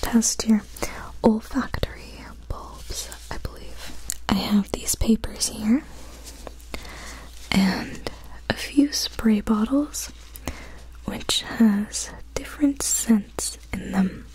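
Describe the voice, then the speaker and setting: A woman doing a whispered role-play as a clinic examiner, in a breathy whisper with gentle, soothing encouragement. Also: a little high, drawn-out words, poor audio. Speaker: ASMR performer playing a clinic examiner.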